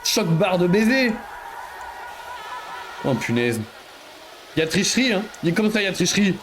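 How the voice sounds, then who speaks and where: A man giving live commentary on a video game he is playing, excitable and joking, often breaking into exclamations. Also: high-pitched, normal speed, slight background noise. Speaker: streamer.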